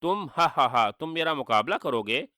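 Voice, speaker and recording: Storybook villain: cruel, boastful male sorcerer, taunting , read by a man, bright and dry. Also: on the high side, lively intonation, moderate pace, no echo. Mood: gloating, mocking. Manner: gloating, taunting with read-out laughter.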